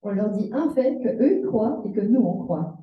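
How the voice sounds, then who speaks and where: In a roomy, slightly dull recording, a woman of medium pitch interprets a seminar talk consecutively at normal speed. Her intonation is lively as she renders it phrase by phrase, echoing the examples with expression and now and then correcting herself.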